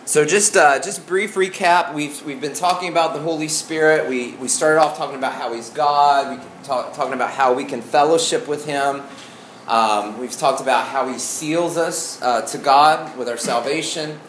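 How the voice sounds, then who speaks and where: A man with an Arkansas Southern accent teaching an informal sermon as a pastor, folksy and halting, often restarting his phrases. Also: fairly high pitch, fairly bright tone. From Arkansas, United States. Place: indoor room before a congregation. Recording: echoey room, faint background noise.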